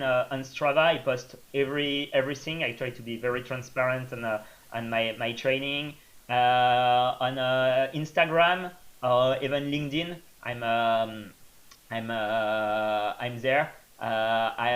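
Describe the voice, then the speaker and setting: A man with a French accent, guest on a podcast, speaking hesitantly with many filler pauses. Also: mid-range voice, fairly bright tone, poor audio. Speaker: guest trail runner. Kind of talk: casual podcast interview.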